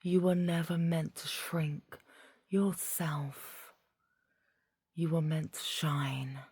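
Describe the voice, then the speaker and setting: A woman leading a guided meditation in a soft, half-whispered voice, soothing and deliberate, phrase by phrase. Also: low voice, fairly even intonation, slightly rough, dry recording, studio quality.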